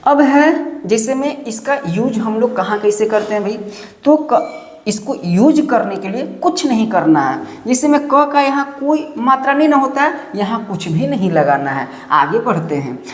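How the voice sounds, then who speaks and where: A woman's voice: on the high side, animated, normal speed. A woman teaching a grammar lesson step by step and quizzing her students with rhetorical questions. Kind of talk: classroom-style online lesson. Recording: echoey room with long reverb.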